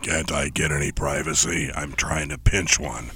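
A man voicing a grumpy, crude mystery man hiding in a closet, talking in gruff, clipped phrases. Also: very deep voice, fairly even intonation, normal speed, bright, forceful tone, no echo, exaggerated voice.

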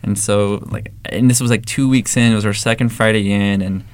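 With no room sound, a young man speaks briskly in a smooth, lowish voice. He co-owns an ice cream shop, comes from LA's San Fernando Valley, and tells relaxed stories in casual interview answers, restarting and using fillers often.

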